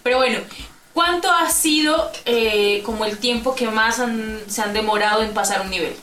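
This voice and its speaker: A woman's voice: a little high, moderate pace, a bit bright, reverberant, distant mic, slight background noise. A woman co-hosting a casual podcast chat, asking questions and reacting. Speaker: podcast co-host.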